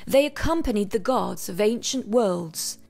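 A woman reading aloud, voicing a wise old male pigeon who speaks wistfully and dreamily in a low, hushed way. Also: lively intonation, a little slow, creaky, faint music behind.

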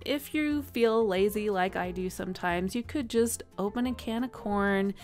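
A woman talks through a home cooking session in a relaxed, chatty voice-over, mid-pitched and easygoing. Soft guitar music plays quietly behind her. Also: moderate pace. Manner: relaxed, chatty, with small laughs and fillers. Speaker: cooking channel host. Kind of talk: friendly voice-over cooking instructions.

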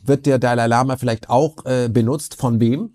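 A man's voice: medium pitch, fairly even intonation, moderate pace, a little mellow. A man, talking in a casual, emphatic and rambling conversation as a guest. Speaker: interview guest.

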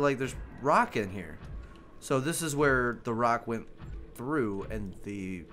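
A man's voice: fairly low pitch, fairly bright tone, slight background noise. A man giving casual gameplay commentary as host, rambling and joking, swearing often. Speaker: gaming video host.

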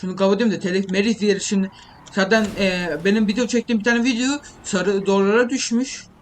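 Keyboard clicks and typing run through this clearly noisy home recording. In it, a young man who makes gaming videos gives loose, rambling gameplay commentary, thinking out loud in a high, steady voice that's a little fast.

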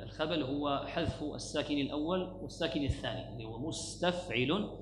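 A man teaching an Arabic grammar lesson in a lecture, repeating key words, pausing often and reciting quoted verses slowly. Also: fairly high pitch. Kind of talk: classroom lecture explaining a grammar poem. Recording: echoey hall with faint hum.

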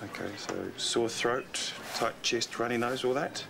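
An actor plays a busy, friendly young hospital medic in a TV soap. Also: male voice, medium pitch, measured pace, creaky. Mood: brisk. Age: 20s. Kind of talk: naturalistic TV soap acting. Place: hospital ward set. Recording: noisy hospital ward ambience.

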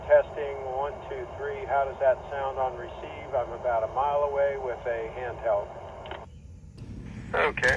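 A man speaking walkie-talkie style in short test transmissions, heard through a two-way radio. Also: mid-range voice. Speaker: product reviewer. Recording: muffled radio audio, clear noise.

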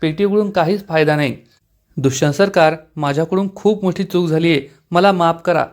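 A man's voice: on the high side, moderate pace, natural voice. A man reading the lines of a distressed young wife who pleads her innocence in a TV serial recap. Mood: regretful.

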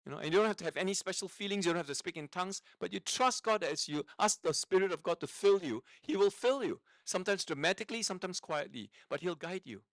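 A man preaching a teaching sermon as guest speaker. He talks emphatically, keeps checking in with his listeners, and drops low and quiet on key points. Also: lively intonation, fast talker, hardly any pauses, dry recording, low-quality recording. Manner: engaging, checks in with tag questions.

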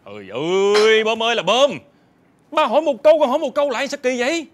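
An excitable fussy father. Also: very high voice, slight background noise. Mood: questioning. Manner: fast, exasperated, swoops into exclamations. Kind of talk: TV sitcom acting.

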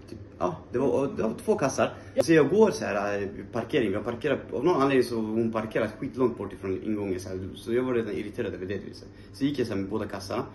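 A man's voice: medium pitch, darkish tone, echoey room, slight background noise. A man vlogging, telling a story in a casual, rambling way full of fillers, sounding tired. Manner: rambling, heavy use of fillers.

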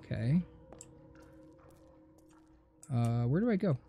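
A man's voice: mid-range voice, sing-song, a little fast, mellow, a little hiss or hum. Sarcastic young man doing gameplay commentary. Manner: joking, sarcastic running commentary. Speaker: gaming host. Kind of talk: let's play commentary. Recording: faint game music behind.

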